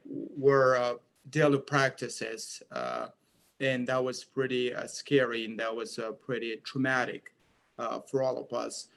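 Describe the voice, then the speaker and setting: A young man from Eastern Afghanistan, a former interpreter, answering interview questions with frequent hesitations and fillers. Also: medium pitch. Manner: hesitant, many uh fillers and repeats.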